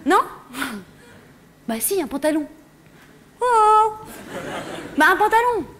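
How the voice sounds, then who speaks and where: A woman's voice: very high-pitched, expressive, slow pace, a bit bright. A woman in her forties performing crude, exasperated stand-up comedy on a concert hall stage into a handheld mic. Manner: brash, crude, exasperated rants. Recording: noisy live theater recording.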